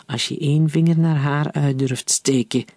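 A man's voice: fairly high pitch, steady tone, moderate pace, a little mellow, no echo, close to an everyday voice. A man doing a defiant captured soldier.

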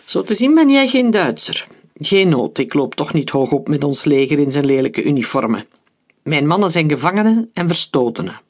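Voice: medium pitch, big pitch swings, moderate pace. A narrator voicing a menacing male mercenary leader who mocks and relishes cruelty, in an audiobook. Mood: mocking. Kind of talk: audiobook character voice.

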